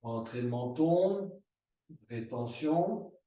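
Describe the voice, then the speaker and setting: A man teaching a yoga class, giving slow, calm breathing and movement cues. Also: medium pitch, recorded from a distance. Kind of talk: guided yoga class instruction. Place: room recorded as an online class. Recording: roomy echo, voice from afar.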